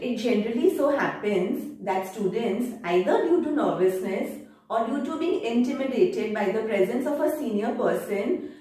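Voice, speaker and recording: Woman tutor, measured and instructive, voice set back from the mic in a very reverberant room. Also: on the high side, a little mellow, far from the mic. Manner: formal, measured, instructive delivery. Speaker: English test tutor. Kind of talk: instructional video lesson.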